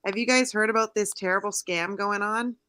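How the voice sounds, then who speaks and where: Woman, podcast co-host, casual chat, animated storyteller, bright tone. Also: mid-range voice, fairly quick, smooth.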